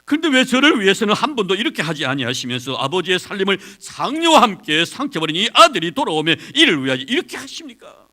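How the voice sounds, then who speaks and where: A man voicing a resentful, dutiful elder son who protests in a raised, higher voice. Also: very animated, moderate pace, pushed and bright, full character voice. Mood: indignant. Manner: pleading and indignant, raised voice.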